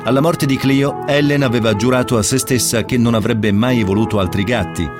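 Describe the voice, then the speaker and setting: A man's voice: mid-range voice, fairly even intonation, fairly quick. Man presenting over guitar music. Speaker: radio book presenter. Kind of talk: scripted radio introduction.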